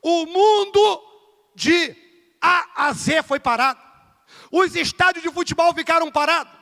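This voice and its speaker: A man with a Rio de Janeiro Portuguese accent preaches a lively evangelical sermon in a high, bright, forceful voice. He is emphatic, swinging between loud bursts and quiet asides, and keeps calling the congregation dear brother. The sound carries the long reverb of a church hall. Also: moderate pace. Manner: addresses listeners as dear brother, asks for amens. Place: church sanctuary.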